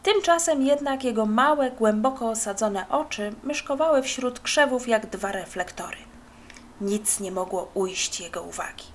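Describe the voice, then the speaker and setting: A woman narrating a children's book in an expressive storytelling manner, moving lively through dialogue. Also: a little high, a little slow, a little hiss or hum. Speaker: audiobook narrator.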